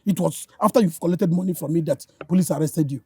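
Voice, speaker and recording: A man's voice: a little high, fast talker, dark tone, slightly rough, dry recording. An actor playing a married man with a Nigerian accent who stammers as he accuses a young woman of taking his money. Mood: accusing.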